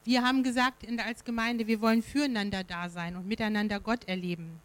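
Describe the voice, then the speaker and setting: A woman's voice: on the high side, steady tone, fairly quick, rough recording. Woman preaching a conversational sermon. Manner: conversational, with fillers and rhetorical questions.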